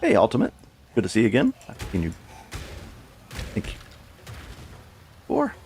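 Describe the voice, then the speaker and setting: Soft background music plays under this game streamer's mid-range, darkish voice, which has vocal fry and huge swings in pitch. Unhurried, he chats casually with viewers while playing live, rambling and correcting himself.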